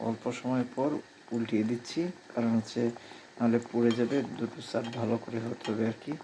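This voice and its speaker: A man with a Sylheti Bengali accent talks through a home cooking vlog in a hushed, low-key voice. His voice is cracking from a cold, and his pitch stays flat and even. A faint hiss sits behind him. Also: brisk. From Bangladesh. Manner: speaks softly, hushed at night. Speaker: cooking vlogger. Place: home kitchen abroad.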